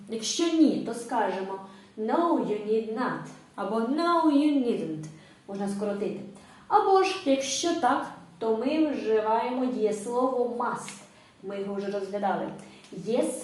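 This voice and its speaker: A woman's voice: fairly high pitch, darkish tone. Patient teacher woman in an echoey room. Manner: clear, patient, repeats example sentences slowly. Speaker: English teacher. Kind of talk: video lesson explaining grammar. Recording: very echoey room, distant mic.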